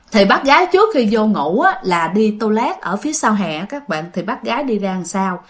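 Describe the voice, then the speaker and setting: Lively Southern Vietnamese woman storyteller. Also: a little high. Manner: chatty, addresses listeners directly, many fillers. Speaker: ghost story narrator. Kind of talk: casual spoken storytelling.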